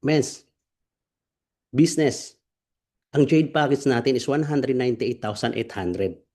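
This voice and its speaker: Brief: man, mid-range voice, energetic online business mentor streaming live to his students. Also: medium pitch, a little slow. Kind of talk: live online training session.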